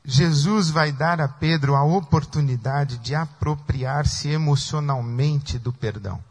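A man's voice: unhurried, a little mellow, husky. A man preaching a sermon as a pastor, emotional and acting out the voices he quotes. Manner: emotional, acts out quoted voices with rising pitch.

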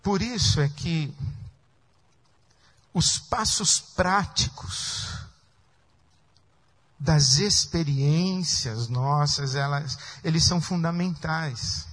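A man's voice: very slow, pauses often, fairly bright tone. A man preaching a sermon as a pastor, emotional and acting out the voices he quotes. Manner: emotional, acts out quoted voices with rising pitch.

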